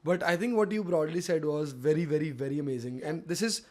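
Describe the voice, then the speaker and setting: A man's voice: a little high, fast, darkish tone. A young man hosting a podcast, affirming his guest with enthusiasm and slipping Hindi phrases into his English. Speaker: podcast host. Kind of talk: casual interview talk.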